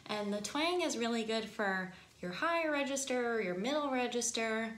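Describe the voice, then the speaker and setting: Animated and fairly high-pitched, a woman from the northern U.S. with an Upper Midwest accent and nasal voice talks to camera at normal speed about singing, casually and with easy laughter. Her tone is fairly bright, and the room echoes.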